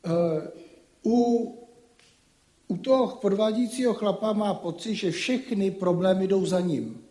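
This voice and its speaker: Sitting high with a warm tone, this man's voice carries a casual spoken lecture, recorded with a roomy echo. His speech is colloquial, full of rhetorical asides.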